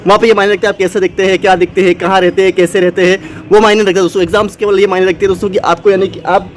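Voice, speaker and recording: A man's voice: high-pitched, flat delivery, racing, a little hiss or hum. A man giving an unscripted motivational talk to exam students, rambling with many fillers and restarts. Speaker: motivational channel host.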